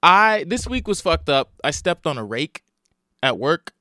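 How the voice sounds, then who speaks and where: A man's voice: fairly high pitch, sing-song, unhurried, bright, forceful tone, no room sound, clean studio sound. A man chatting casually as a solo comedy podcast host, rambling, self-deprecating and sweary, tired and hungover and talking with a swollen, split lip. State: swollen, bruised upper lip. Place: at home in a basement.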